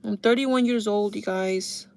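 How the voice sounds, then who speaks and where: A woman's voice: mid-range voice, fairly even intonation, unhurried, gravelly, a little mellow, slight background noise. A woman in her thirties chatting casually to her viewers while doing her makeup, confiding and talking straight to them. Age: 30s. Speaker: beauty vlogger.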